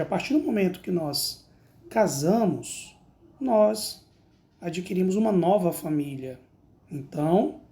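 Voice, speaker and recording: A woman with a Brazilian Portuguese accent teaching English vocabulary, saying each word slowly and repeating it before translating. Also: lowish voice, warm tone. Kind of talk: slow explanatory lesson.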